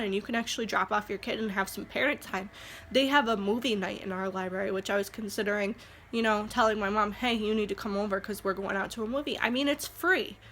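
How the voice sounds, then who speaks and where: At home, a young stay-at-home mom talks casually to her camera in a bright, forceful, mid-range voice, her nose stuffed up from allergies. She rambles heartfeltly and grows more and more indignant.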